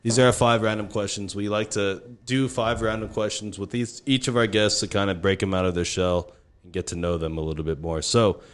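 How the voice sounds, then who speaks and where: A man's voice: lowish voice, little pitch movement, a little fast, hardly any pauses. A man in his late twenties hosting a casual podcast, with loose, profane banter. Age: 20s. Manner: profane, laid-back banter. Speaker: podcast host.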